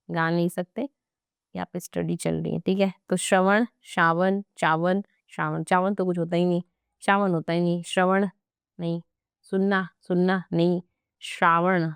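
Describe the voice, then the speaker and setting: Chatty woman teacher, smooth close voice. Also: fairly low pitch, no echo. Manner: chatty and playful, with asides to students. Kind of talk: exam-prep grammar lesson.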